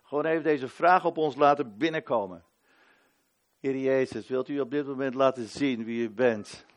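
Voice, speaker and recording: A man preaching a sermon at a church service. He stresses his points by repeating phrases, and moves between loud proclamation and quiet prayer. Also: medium pitch, moderate pace. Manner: emphatic, often repeats a phrase for weight.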